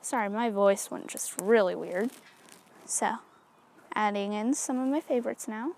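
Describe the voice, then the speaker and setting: A craft tutorial host talks through a hands-on demonstration in a chatty, easygoing way, sprinkling in lots of little fillers. Her voice is medium-pitched, unhurried and a bit mellow, with a faint hiss or hum underneath.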